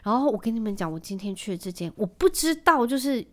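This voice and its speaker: A woman's voice: on the high side, big pitch swings, quick pace, darkish tone. A woman in her thirties from Taiwan, hosting her podcast in a rambling, chatty way with many fillers. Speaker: podcast host. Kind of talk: casual chat.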